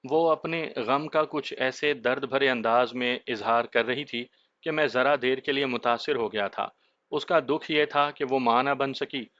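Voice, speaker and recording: Bright-voiced male storyteller. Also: medium pitch, no echo. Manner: measured, literary storytelling. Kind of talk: scripted narration of a horror story. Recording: slightly dull dry recording.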